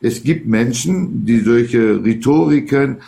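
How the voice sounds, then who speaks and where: A man's voice: medium pitch, slow, vocal fry, mellow. A man, talking politics in an emphatic, rambling way as a guest. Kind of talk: heated political talk.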